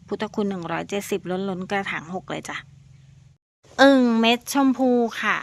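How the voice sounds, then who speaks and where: A woman giving a casual sales pitch to her viewers, chatty and coaxing, sweetly addressing them as elder siblings and repeating words playfully for emphasis. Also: a bit bright. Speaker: plant seller.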